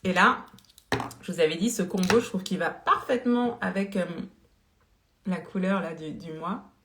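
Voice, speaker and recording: A woman's voice: fairly low pitch, normal speed, noisy background. A woman hosting a casual live-stream product demo, chatty and full of fillers, greeting viewers by name. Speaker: beauty live-stream seller. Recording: roomy echo.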